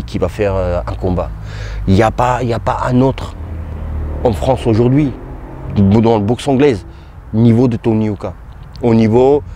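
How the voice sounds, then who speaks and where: A man giving casual, halting boxing commentary straight to his viewers, as if chatting with a friend. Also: on the low side, mellow, a little hiss or hum. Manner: hesitant, halting, talks to viewers as "tu". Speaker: boxing YouTuber.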